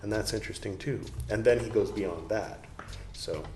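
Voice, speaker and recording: A man's voice: fairly low pitch, normal speed, darkish tone. A man reading a book aloud and breaking off into rambling, jokey asides of his own. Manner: rambling, jokey asides between read passages. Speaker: book reader and commentator. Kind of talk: casual reading with commentary. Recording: echoey room with faint music.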